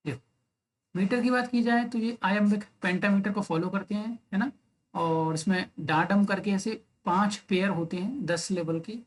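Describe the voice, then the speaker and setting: A man teaching English literature in an exam-prep lecture, explaining step by step and mixing Hindi with English terms. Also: high-pitched. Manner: explains step by step, often adds the tag "है ना".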